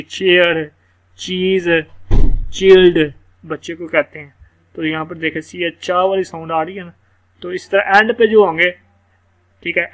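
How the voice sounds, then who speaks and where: A man teaches English phonics in a relaxed, chatty way. His voice sits a little high for a man. He stretches example words out and spells them letter by letter. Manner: casual, explanatory, repeats words slowly letter by letter. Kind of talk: screen-share phonics lesson.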